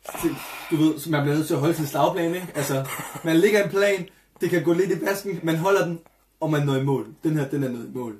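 A man's voice: fairly high pitch, darkish tone, echoey room. A young man hosting a casual cooking vlog, coughing now and then, chatting, swearing and joking with viewers. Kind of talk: casual live chat.

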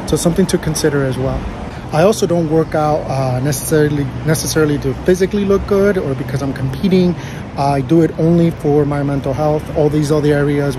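A man in his thirties talking casually to a close phone camera outdoors after a workout, hesitant with many fillers and restarts. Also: on the high side. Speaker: vlogger sharing a personal routine. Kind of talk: casual unscripted talk to camera. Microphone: phone camera held close. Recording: outdoor city noise behind.

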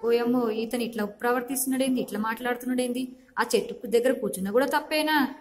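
Storybook villager: a woman voices a weary, meek man, soft and apologetic. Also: on the high side, fast, natural voice. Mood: puzzled. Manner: pleading, apologetic.

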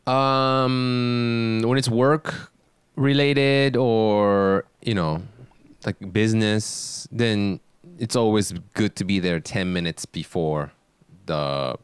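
A man co-hosting a casual chat, speaking in a slow, deliberate and careful way. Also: on the low side, smooth, no echo. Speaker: podcast co-host.

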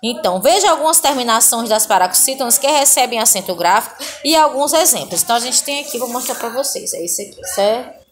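A Brazilian woman with a fairly high, expressive voice talks fast while teaching a recorded online primary school Portuguese class. She patiently reads word lists aloud and keeps checking in with her pupils.

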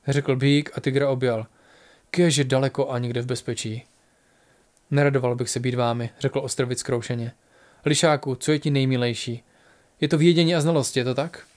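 Male audiobook narrator, slightly high voice, fairy-tale reading with dialogue, talks to listeners. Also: a little mellow. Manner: reads dialogue of several heroes, then addresses listeners directly.

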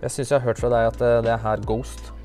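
A man with an ordinary mid-range voice talks through the shelves of a disc golf shop in a loose, chatty way. He is easygoing and keen, with plenty of slang and fillers. Soft music plays faintly underneath. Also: medium pitch. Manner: relaxed, enthusiastic, lots of fillers and slang. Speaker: disc golf shop staff presenting stock. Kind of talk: casual product walkthrough.

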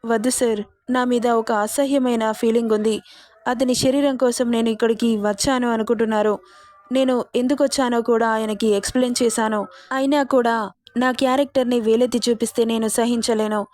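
A woman's voice: a little high, steady tone, fairly quick, darkish tone, natural voice. A woman voicing a wounded, proud young heroine who speaks earnestly and defiantly in an audio story. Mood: hurt, defiant. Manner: pleading then defiant, earnest.

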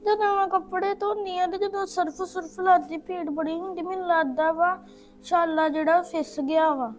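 A woman playing a young schoolgirl who misses her late mother, speaking softly in a web series drama. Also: very high-pitched, fairly even intonation, moderate pace, faint music behind.

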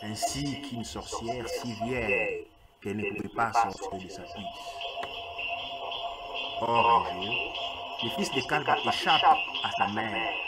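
A man, a radio host who reads a story aloud in a slow, deliberate way and sometimes stops to restart a phrase. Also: lowish voice, loud music behind the voice. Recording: loud hiss, radio broadcast.

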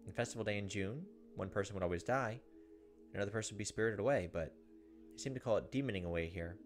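A man in his thirties hosts a let's play, narrating a visual novel aloud with dramatic reading and casual asides. He talks fast in a lowish voice, with soft game music behind him.

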